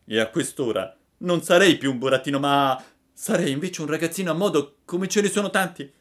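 A man doing a shrill, wailing puppet boy. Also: brisk, close to an everyday voice. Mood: wailing, pleading. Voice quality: high, shrill and loud. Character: panicky wooden puppet boy, wailing and impulsive.

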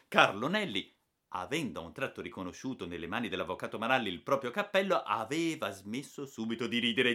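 A man reading a children's story aloud in an expressive, animated narrating voice. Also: on the low side. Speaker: audiobook reader.

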